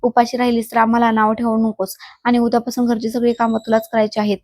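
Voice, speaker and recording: A harsh older mother-in-law scolds and accuses in a spoken storybook, read by a woman. The voice sits a little high and keeps to a narrow tune. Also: monotone, quick pace, darkish tone, dry recording, clean studio sound, natural voice. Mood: scolding.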